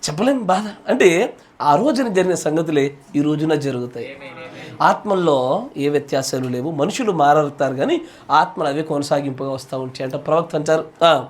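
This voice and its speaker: A man's voice: fairly high pitch, normal speed. A man with a Telangana Telugu accent, a pastor giving a sermon at a home Bible study. He jokes and keeps asking the room "yes or no?". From Telangana, India. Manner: jokey, asks the room "yes or no?" again and again. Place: home gathering.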